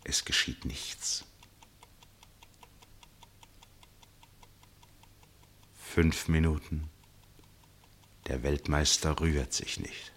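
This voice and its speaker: An actor playing a first-person narrator in a literary radio play, a husky-voiced man telling his account in a measured, suspenseful way. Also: sits low, fairly bright tone. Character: male first-person narrator, absorbed witness of a chess match.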